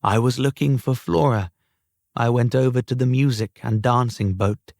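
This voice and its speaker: A man's voice: mid-range voice, fairly even intonation, normal speed, creaky, darkish tone, no room sound, clean studio sound, voice pushed up, natural voice. A man voicing Marley's ghost, a sorrowful old spirit who speaks solemnly, in an audiobook. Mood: explaining.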